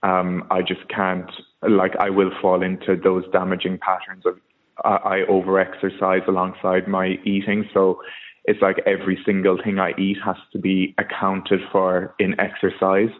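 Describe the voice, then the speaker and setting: A man with an Irish accent from Kerry giving a personal account in a radio interview, speaking in a hesitant, halting way. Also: low voice, monotone. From Kerry, Ireland. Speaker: radio phone-in guest. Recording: muffled narrow-band call.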